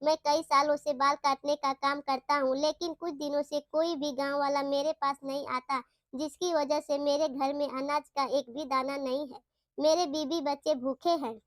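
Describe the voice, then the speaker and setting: Lady voicing sad poor barber guy, pleading, high flat voice, dry. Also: moderate pace, no room sound, lightly acted. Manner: pleading and sorrowful. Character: poor, downhearted village barber man.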